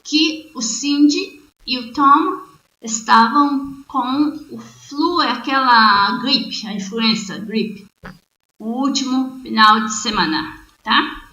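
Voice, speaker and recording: A native Portuguese speaker with a Brazilian accent teaches English in a bilingual online grammar lesson, spelling out sentences word by word as she explains. Her voice sits high and moves slowly, sounding pushed and bright. The lo-fi recording is roomy and muffled, with faint noise.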